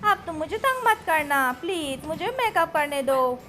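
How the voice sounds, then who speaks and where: A woman's voice: high-pitched, lively intonation, moderate pace, bright, forceful tone, faint music behind. A woman giving a playful voice-over for a children's comedy skit, exclaiming in a sing-song, childlike way.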